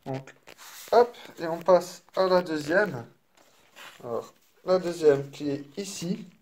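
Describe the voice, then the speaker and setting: A man casually presenting a collector's edition, chatty and apologetic, filling pauses with little interjections. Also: a little high, a little mellow, a little hiss or hum. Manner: unhurried, chatty, filler-heavy with frequent "hop" and "donc"; apologetic and self-deprecating. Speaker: unboxing video creator. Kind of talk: casual unboxing commentary. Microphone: camera mic, filming one-handed.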